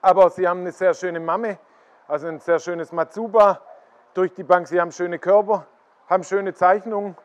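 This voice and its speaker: A middle-aged man with a slightly raised voice talks his way through a greenhouse full of koi ponds. He keeps steering the listener toward one fish after another and explains what makes each one good. The sound is a bit dull and lo-fi. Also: high-pitched. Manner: explanatory, pointing viewers to fish. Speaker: koi dealer giving a farm tour. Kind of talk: walking tour commentary.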